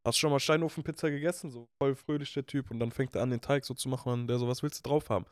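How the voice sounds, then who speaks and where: A man co-hosting a podcast sits close to the mic in a dry, dead room. He talks at an ordinary pitch in loose, slangy chat. He spins stories by acting out the voices of the people in them. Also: fairly even intonation, rapid-fire, no room sound. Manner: slangy, acts out people he quotes. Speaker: podcast co-host. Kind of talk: casual chat, animated storytelling.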